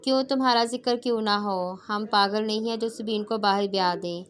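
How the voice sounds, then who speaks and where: A middle-aged mother lays down the law calmly in a storybook reading, voiced by a woman. The tone is firm and clear. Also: medium pitch, fairly quick, natural voice. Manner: calm, dismissive, firm.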